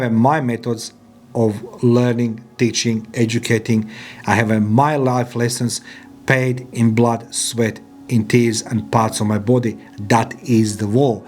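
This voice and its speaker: A Croatian podcaster and business owner delivers a motivational monologue in a medium-pitched voice, with fairly even intonation and a measured pace. He speaks emphatically and repetitively, using non-native phrasing.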